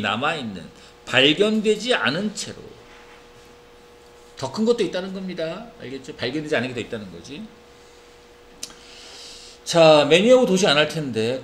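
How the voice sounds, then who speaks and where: A man's voice: on the high side, slight background noise. A man teaching an English reading lesson in a classroom, reading English words with a Korean accent and checking in with his students often. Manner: lively, keeps checking in with tag questions. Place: academy classroom.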